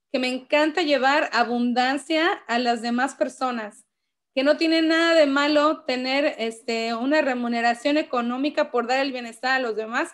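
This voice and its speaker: High-voiced woman signing off. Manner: warm, affectionate sign-off. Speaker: co-host of an essential oils channel. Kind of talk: casual chat, closing remarks.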